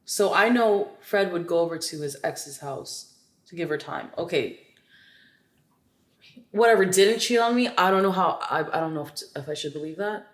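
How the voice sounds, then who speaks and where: A woman co-hosting a podcast, telling stories in casual, animated chat with lots of filler words. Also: on the low side, normal speed. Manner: chatty, animated storytelling with many "like" fillers. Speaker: podcast co-host. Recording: roomy echo.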